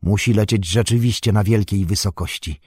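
A man's voice: lowish voice, moderate pace, darkish tone, husky, no echo, studio quality. A man voicing a noble, weary male ranger who speaks solemnly and with longing, his voice raised and ringing. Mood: thoughtful.

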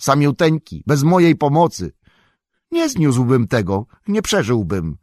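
Devoted young hobbit servant, pitched high and pleading, husky edge, read by a male narrator. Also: sing-song, normal speed, no room sound, clean studio sound. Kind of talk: audiobook character voice.

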